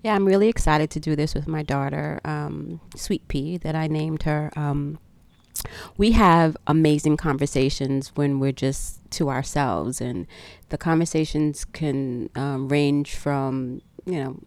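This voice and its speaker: A woman's voice: deep voice, a little slow, darkish tone, dry recording. A woman in her fifties co-hosting a casual podcast with her daughter, rambling and repeating words as she thinks. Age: 50s. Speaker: podcast co-host, mother. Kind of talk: casual chat.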